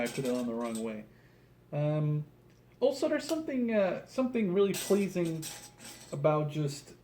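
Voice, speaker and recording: Seated indoors at a table in a small home room, a man in his twenties from the Netherlands hosts a YouTube video as he builds, talking in a rambling, halting, self-deprecating way. He has a medium-pitched, darkish voice. Recorded by a camera across the table, the audio is slightly distant, with room noise and the click of pieces.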